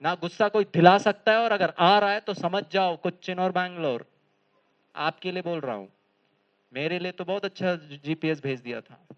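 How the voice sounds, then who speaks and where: A high-voiced man delivers a motivational lecture, full of humorous stories and quick questions to his listeners. He sounds lively and talkative. The recording is slightly dull and lo-fi. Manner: lively, humorous storytelling, asks the audience questions. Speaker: spiritual lecturer. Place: lecture hall.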